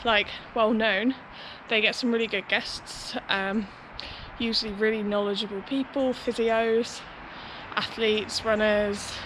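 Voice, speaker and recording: Young woman, higher-pitched voice, chatty casual running vlog, outdoor recording with clear traffic noise. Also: fairly even intonation, unhurried. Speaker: running vlogger. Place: outdoors beside a busy city road.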